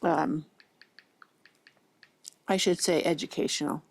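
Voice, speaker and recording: A woman's voice: sits low, steady tone, slow pace, vocal fry, breathy edge, dry recording. A woman with braces that slur her S sounds, chatting casually and thinking aloud to viewers as a gardening vlogger. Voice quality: slurred, lisping S sounds from braces. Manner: informal, thinking aloud, addressing viewers directly. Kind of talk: casual rambling vlog chat, sometimes reading plant details aloud.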